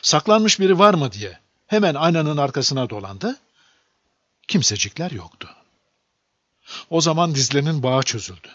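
A man narrating a children's storybook aloud in a lively, expressive reading. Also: fairly high pitch, moderate pace, long pauses, no room sound. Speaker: audiobook narrator. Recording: dull lo-fi dry recording.

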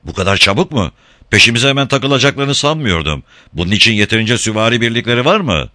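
A man voicing a big, gruff sailor who grumbles and protests in an audiobook. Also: medium pitch, expressive, fast talker, pushed and bright, no room sound, studio quality, voice pushed up. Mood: urgent. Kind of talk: audiobook character voice.

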